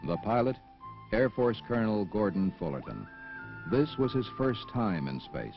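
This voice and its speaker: Music plays under a slightly dull film soundtrack. A man narrates a scripted documentary formally, in a low voice with plenty of creak. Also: very animated, moderate pace.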